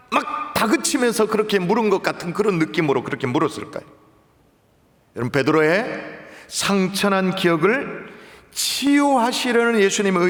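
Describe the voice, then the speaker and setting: A male pastor preaching a sermon in a church, telling the story vividly and moving between quiet and emphatic delivery. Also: high-pitched. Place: church sanctuary. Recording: echoey hall with long reverb.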